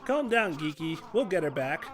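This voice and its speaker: A mocking, sharp-tongued female bird from a video game snaps out insults in a raised, pushy voice, as a man puts her on. The pitch climbs above a normal male voice, and faint game music plays underneath. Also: big pitch swings, normal speed. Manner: taunting, name-calling.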